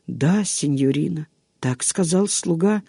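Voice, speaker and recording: A man voicing a long-winded old female servant who tells everything slowly and in order. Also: on the high side, animated, vocal fry, dark tone, husky, dry recording, studio quality, exaggerated voice. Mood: garrulous. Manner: rambling, drawn-out storytelling.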